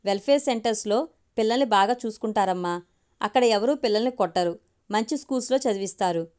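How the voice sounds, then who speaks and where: A woman voicing a caring grandmother in a told story, gentle and soothing. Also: mid-range voice, fast talker, clear, resonant tone, lightly acted. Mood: comforting.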